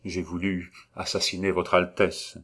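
A man's voice: low voice, flat delivery, a little slow, a bit bright. A man voicing a desperate young nobleman who pleads passionately, in an audiobook reading. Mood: pleading. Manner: impassioned, imploring.

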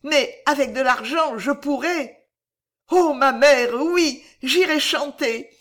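A woman's voice: high voice, slow, fairly bright tone, voice pushed up. A woman voicing a desperate young girl singer who pleads and sobs in a strained, tearful voice.

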